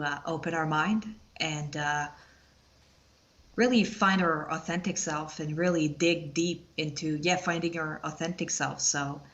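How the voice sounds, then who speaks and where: A woman's voice: low-pitched, fairly bright tone, lo-fi sound. A woman from Quebec with a Quebec French accent, chatting casually as a podcast guest, hesitant and searching for words. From Quebec, Canada. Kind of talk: casual interview chat.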